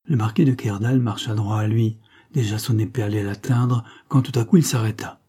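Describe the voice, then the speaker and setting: A man narrating an old novel in a measured, dramatic audiobook reading. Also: fairly low pitch, steady tone, dark tone, breathy edge.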